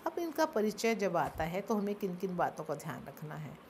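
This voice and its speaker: In a fairly low, sing-song voice at a moderate pace, a woman teaches grammar as if in a classroom. Her slightly mellow delivery walks through each step while she poses and answers her own questions, with slight background noise.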